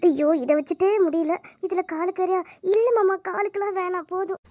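Woman voicing a fidgety young cartoon wife, high voice, fretful, dry sound. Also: a little fast, dark tone, no echo. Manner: fretful, evasive.

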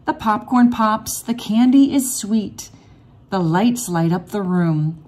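With a medium-pitched voice, a woman performs a read-aloud of a rhyming picture book for children. Her storytelling is expressive yet measured.

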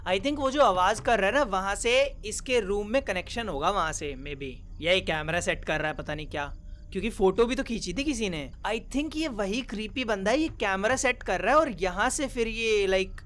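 A young man giving joking, excitable commentary while playing a horror game, with loud reactions. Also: high voice, moderate pace, a little hiss or hum. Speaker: gaming YouTuber.

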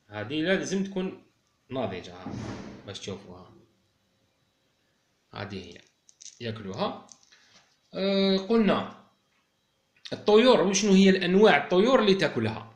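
Fast-talking Algerian man in an echoey room. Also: high voice. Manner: explanatory, addresses viewers directly and informally. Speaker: bird keeper. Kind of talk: casual explanatory video.

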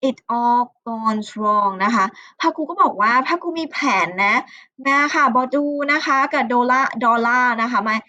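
High, bright-voiced Thai woman teacher. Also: measured pace, dry recording, dull audio. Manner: warm, chatty, many polite "ná khá" tags. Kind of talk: storytelling lesson for children.

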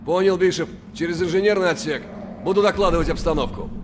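High-voiced dutiful marine soldier, played by a man. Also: fast talker, noisy background, natural voice. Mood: brisk, focused. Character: dutiful, disciplined male marine soldier reporting in. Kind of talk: video game voice acting.

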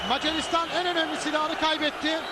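A man calling live football play-by-play, excitable, shouting and drawing out his exclamations. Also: extremely high pitch, quick pace. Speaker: football commentator. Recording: loud stadium crowd roar, heavy noise. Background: roaring football stadium crowd.

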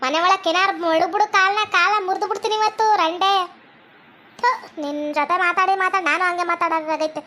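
A woman plays a furious wife who scolds and hurls insults. Her voice is very high and quick, and a faint hiss of noise sits behind her. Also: fairly even intonation, sharp tone. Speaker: comedy skit actress playing an angry wife.

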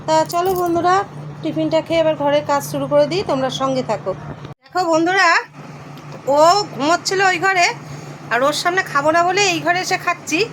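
A woman's voice: very high-pitched, a little fast, a bit bright, slight background noise. A woman vlogger with a Bengali accent, chatting casually to her viewers as friends while filming her day at home on a phone camera. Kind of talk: casual daily vlog narration. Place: family home.

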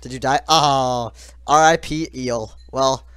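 Hoarse man calling a game. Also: medium pitch, fairly even intonation, takes it slowly, fairly bright tone, no echo, studio quality. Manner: chatty, yelps when chased. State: hoarse from being sick. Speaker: gaming channel host. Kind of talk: gaming commentary with a friend.

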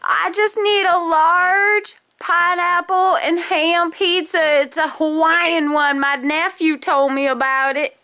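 A woman's voice: extremely high pitch, level tone, bright, forceful tone, exaggerated voice. A woman playing a confused 87-year-old lady, rambling and apologetic on a prank phone call. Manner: rambling, slow, apologetic, feigns mishearing.

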